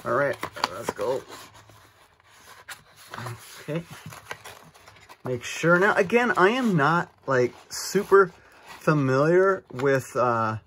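A man's voice: a little high, expressive, slow, long pauses, noisy background. A man hosting a casual card-opening vlog, chatting with enthusiasm and frequent asides from an indoor table. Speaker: card-opening channel host.

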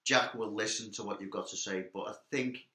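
Young guy as an interview guest, low but bright voice, dry jokes, echoey room. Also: steady tone, brisk. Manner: easygoing, dry humour, hesitant restarts. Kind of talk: casual interview chat.

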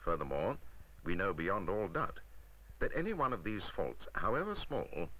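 This rough recording holds a British man's deep, very animated narration of a vintage 1960s instructional film at normal speed. His style is crisp and scripted, wry and emphatic, with a bright, forceful edge as he puts rhetorical points to the listener.

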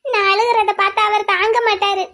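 A woman voicing a defiant young wife held captive in a cartoon drama, who calmly pleads and reasons with her captor. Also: extremely high pitch, a little fast. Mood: pleading. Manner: calm, pleading then lecturing at length.

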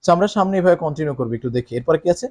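A male English teacher walks learners through reading a story aloud. His voice sits a little high, and he keeps checking in with tag questions. When he reads lines out, he draws them out slowly with big, exaggerated expression. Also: darkish tone. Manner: often asks tag questions to the viewer. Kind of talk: explaining how to read a story aloud.

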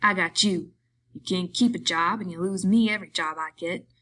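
Woman playing a gruff, hot-tempered ranch hand. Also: fairly low pitch, steady tone, moderate pace. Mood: furious. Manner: drawling rough rural speech, loud outbursts. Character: gruff exasperated grown man, quick-tempered ranch hand.

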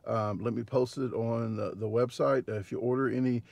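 A man's voice: mid-range voice, fairly even intonation, normal speed, vocal fry, a little mellow, dry recording. A man in his forties with a Midwestern American accent, chatting casually to a dash-mounted camera in his parked car, rambling with lots of fillers and restarts. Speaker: vlogger and competitive eater. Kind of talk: casual vlog talk to camera. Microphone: camera mounted on dashboard.

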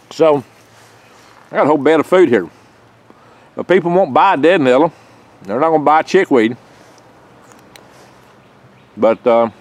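A mid-range, darkish voice belongs to an older man hosting his foraging channel outdoors, among pine trees in his garden. He rambles chattily and folksily with small jokes and stumbles, caught on a handheld camera mic held close.

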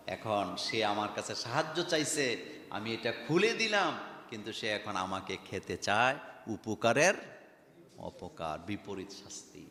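Preacher voicing a naive wronged traveler. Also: male voice, lowish voice, sharp tone, echoey room, long reverb tail. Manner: plaintive complaining.

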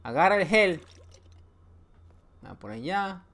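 A man's voice: high-pitched, big pitch swings, takes it slowly, a bit bright. Joking man narrating his horror gameplay. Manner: joking, talks to the game, sudden yelps. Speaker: gameplay streamer. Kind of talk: playthrough commentary.

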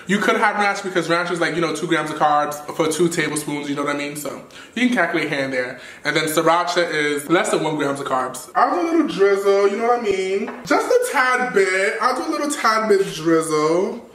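A young man in his twenties vlogs while cooking in his home kitchen, sassy, flamboyant, and animated, swearing freely as food sizzles in a pan. His voice is high and fairly quick with hardly any pauses, picked up by a camera across the echoey kitchen.

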